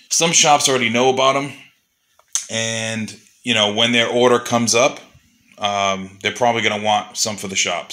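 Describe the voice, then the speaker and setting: His voice runs on the low side and sounds pushed and bright. The man makes custom lures and is giving customers a casual update from his indoor workshop, speaking loosely and chattily with plenty of fillers.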